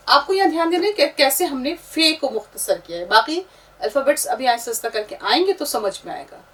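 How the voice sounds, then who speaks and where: Female teacher, higher voice, patient explainer, mic a touch distant. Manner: patient, explaining, pointing at letters as she writes. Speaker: Urdu teacher. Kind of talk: step-by-step script lesson.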